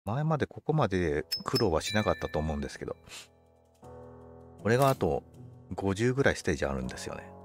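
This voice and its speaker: A man's voice: sits low, very animated, fast talker, long pauses, over music. A man commentating on a game for a livestream, politely musing aloud to himself in casual chat. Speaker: game streamer.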